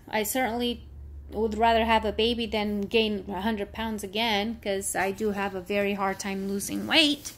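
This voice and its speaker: A healthcare worker in her thirties speaks candidly in a personal vlog, rambling with lots of fillers. Her voice is medium-pitched, with a bit of hiss or hum in the recording.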